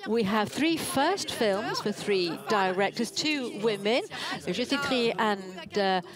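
A woman giving a simultaneous English interpretation of live red-carpet television, in halting phrases with hesitations. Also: medium pitch, animated, a crowd in the background.

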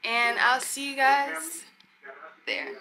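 A young woman vlogging casually to her viewers from a hotel room and balcony, chatty and animated, filmed on a phone held at arm's length. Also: sits high, takes it slowly, a crowd in the background. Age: young adult. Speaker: travel vlogger. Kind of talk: casual vlog to camera. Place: hotel room and balcony at night, outdoors by a city street. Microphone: handheld phone camera at arm's length.

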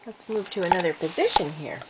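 A woman's voice: on the low side, very animated, fairly quick. An older woman, a grandmother, coaxing a baby in repetitive sing-song baby talk while filming at home. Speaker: grandmother babysitting. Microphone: camcorder mic. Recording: noisy home camcorder audio.

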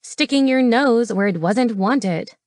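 A woman voicing a spiteful young villain's daughter, pitched high and shrill. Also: moderate pace, dry recording, studio quality, natural voice. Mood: sneering. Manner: shrill, screaming. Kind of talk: audiobook character voice.

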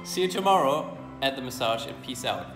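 A man's voice: medium pitch, lively intonation, fairly quick, music in the background. Young German man vlogging, laughing often. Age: young adult. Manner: laughs often, swears casually. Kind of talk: casual vlog chat on a call. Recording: roomy echo, faint room noise.

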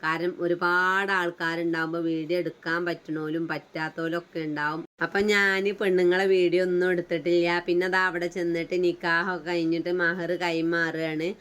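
A woman's voice: fairly low pitch, flat delivery, fairly quick, hardly any pauses, a bit bright, clear, resonant tone. A middle-aged woman with a Malappuram Malayalam accent, narrating a homely family vlog in a chatty manner. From Malappuram, Kerala. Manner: chatty, homely, tags sentences with "tto". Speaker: vlogger.

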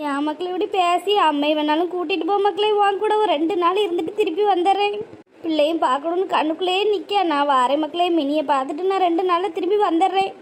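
A woman voicing a doting, tearful old village mother, speaking softly and plaintively. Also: very high voice, fast, background noise. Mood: pleading. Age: older. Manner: pleading, soft and plaintive. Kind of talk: cartoon voice acting.

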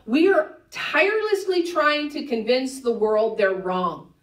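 Animated woman pastor preaching in an echoey church. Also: sits high, far from the mic. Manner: conversational, teasing asides with quick laughs. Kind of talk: sermon. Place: church sanctuary. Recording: echoey church room, voice a bit off-mic.

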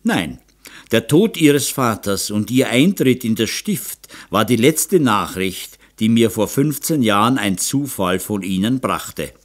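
A man reading an audiobook voices a reserved middle-aged male artist who speaks hard and measured. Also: lowish voice, expressive. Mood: restrained.

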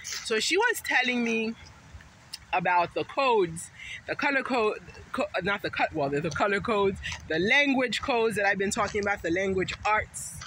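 With a medium-pitched, slightly bright voice, a middle-aged Haitian teacher and vlogger talks to camera at a moderate pace, animated and emphatic as she rambles casually. She's walking through a sunny city park, filming on a phone at arm's length, and the recording is noisy.

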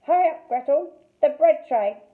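A woman's voice: on the high side, lively intonation, normal speed. A woman voicing an ancient, greedy witch who eats children, with a crackly voice that coos and snaps, on a thin phone-like recording. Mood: gloating. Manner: cooing then snapping.

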